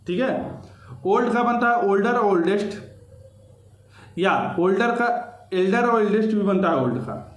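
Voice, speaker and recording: A man's voice: high voice, reverberant. A man teaching a grammar lecture to exam students, explaining step by step and repeating key points.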